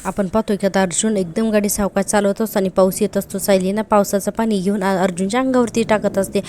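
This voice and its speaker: Chatty woman recapping a serial, mellow. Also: medium pitch, fairly even intonation, fast, a little hiss or hum. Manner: chatty retelling, quotes characters in her own voice; gushing, admiring asides. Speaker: serial episode reviewer. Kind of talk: casual episode recap narration.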